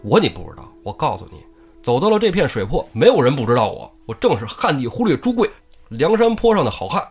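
A rough outlaw full of swagger, as a male storyteller puts him on. He talks gruffly and brags. His speech is quick and lively. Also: mid-range voice, soft background music. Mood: boastful. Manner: gruff, swearing, boastful.

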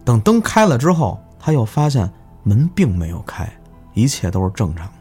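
A man's voice: medium pitch, moderate pace, breathy edge. Guy telling creepy village stories, voice jumps all over, music faint underneath. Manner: animated, swears in surprise, stammers in quotes. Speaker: guest storyteller. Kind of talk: casual spooky storytelling.

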